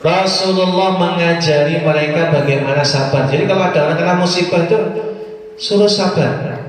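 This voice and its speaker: A male preacher talks to a congregation in a casual, teasing way. His voice sits a little high, and he chants his Arabic quotes. He is recorded from a distance in a hall with a long, heavy echo. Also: moderate pace, a little hiss or hum. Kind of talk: casual sermon. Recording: echoey hall from far off.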